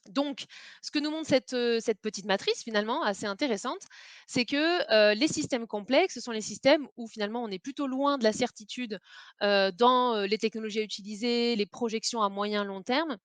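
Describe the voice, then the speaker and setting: A woman's voice: fairly high pitch, dry recording. Woman doing an online talk, chatty, lots of ums, mic sounds dry and close. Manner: conversational and hesitant, with frequent filler sounds. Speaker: presenter on facilitation. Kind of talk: online webinar presentation.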